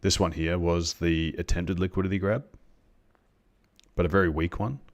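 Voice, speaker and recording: A man on a live trading stream, explaining chart setups to viewers in a halting way, with many restarts and ums. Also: sits low, steady tone.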